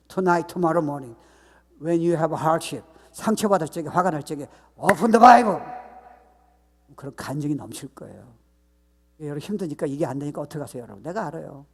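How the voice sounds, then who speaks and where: Male pastor, sermon delivery, higher pitch, husky tone, bursts into English. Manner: switches between Korean and English, rising to loud emphatic shouts.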